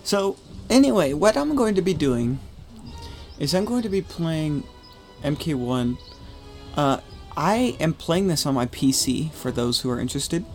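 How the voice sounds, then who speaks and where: A man's voice: a little high, animated, a little slow, faint music behind. A man hosting a gaming video with casual, rambling, conversational commentary. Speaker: gaming channel host.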